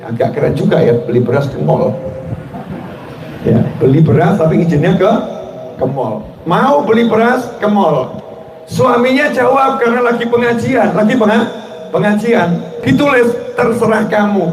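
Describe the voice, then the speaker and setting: High-voiced man preaching in an echoey hall. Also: moderate pace. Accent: Indonesian. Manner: relaxed storytelling with jokes and audience questions. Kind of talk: sermon. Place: hall at a religious gathering. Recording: echoey hall, distant mic, background noise.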